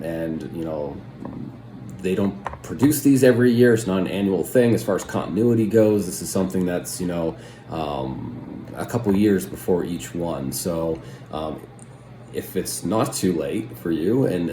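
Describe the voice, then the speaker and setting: A man's voice: low voice, warm tone. An American man giving a casual product review, rambling and hesitant as he circles back to qualify his points. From United States. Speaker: pipe tobacco reviewer. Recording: roomy echo, faint background noise.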